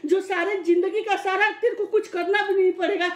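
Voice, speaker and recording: A middle-aged woman scolding and threatening loudly in a heated family argument. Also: very high-pitched, fairly even intonation, brisk, reverberant. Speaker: girlfriend's mother in a prank video.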